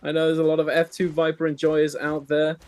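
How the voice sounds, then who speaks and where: A man commentating live on a gaming tournament in an excitable, theatrical way, moving between calm calls and exclamations. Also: a little high, a little fast. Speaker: esports commentator.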